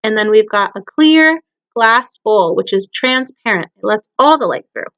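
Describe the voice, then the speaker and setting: A woman teacher speaks in an animated mid-range voice at a moderate pace as she reads children's poems and explains things, regularly asking the kids questions. She sounds a bit bright through a muffled recording.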